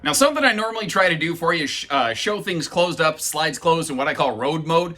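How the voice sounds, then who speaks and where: A man's voice: a little high, animated, fairly quick, pushed and bright. A man giving a casual, chatty walkthrough inside a trailer as an RV dealer, folksy with lots of fillers, recorded on a handheld camera mic.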